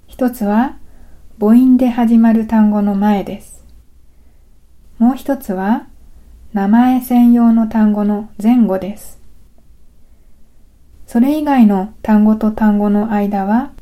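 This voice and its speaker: Woman teacher, scripted pronunciation lesson, unhurried delivery, a bit high. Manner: calm, deliberate explaining. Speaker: language teacher.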